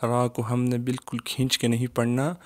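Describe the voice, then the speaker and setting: A man teaching children the Arabic letters in a patient recitation lesson, with a Pakistani Urdu accent, slowly drawing out each letter as he says it. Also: medium pitch, monotone, darkish tone. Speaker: Quran teacher.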